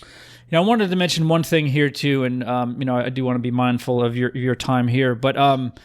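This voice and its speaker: A man's voice: medium pitch, steady tone, a little fast. A man hosting a podcast, talking in a rambling, heartfelt way with many fillers. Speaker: podcast host. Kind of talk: casual podcast interview.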